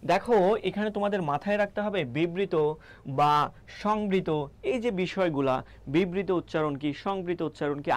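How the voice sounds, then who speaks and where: Man, high voice, young, teacher, live online lesson, explains step by step, rhetorical questions. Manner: explanatory, asks rhetorical questions and checks in with "ঠিক আছে?". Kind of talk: live online class lecture.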